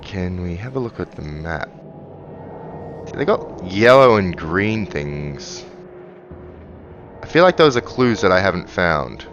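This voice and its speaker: A man's voice: sits low, very animated, takes it slowly, pauses often, fairly bright tone, dull audio. A man giving casual game commentary as a let's play host, thinking aloud as he goes. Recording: music under the voice.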